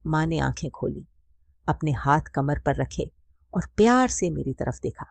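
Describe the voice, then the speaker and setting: A woman reads a first-person story aloud in a steady, plain manner. Her voice sits low and husky, with a gravelly, creaky texture and a lively melody. The recording is dry and close. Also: unhurried, dry recording. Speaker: story narrator.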